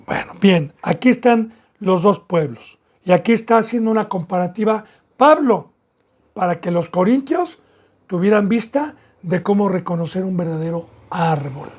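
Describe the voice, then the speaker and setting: A man's voice: high voice, animated, moderate pace, a little mellow. A man with a Mexican accent preaching a sermon as pastor, with emphatic, repetitive phrasing that rises in bursts.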